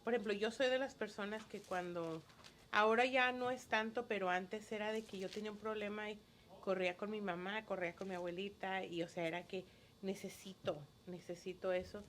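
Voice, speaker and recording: A woman's voice: medium pitch, steady tone, brisk, a bit bright, slight background noise. A woman and schoolteacher leading a Bible study, sharing a personal story in an earnest, emotional way. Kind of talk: casual testimony in a Bible study.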